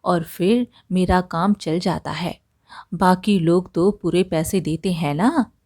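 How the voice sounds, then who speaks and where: Good-natured storybook woodcutter, voiced by a woman; easygoing and unhurried, dry close sound. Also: lowish voice, a little mellow, no echo. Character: kind-hearted village woodcutter man.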